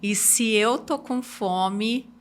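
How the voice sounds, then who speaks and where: A woman's voice: fairly high pitch, extremely slow, a little hiss or hum. A woman hosting an interview podcast, asking questions hesitantly and searching for words. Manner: hesitant, searching for words, many "uhum" backchannels. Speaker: podcast host.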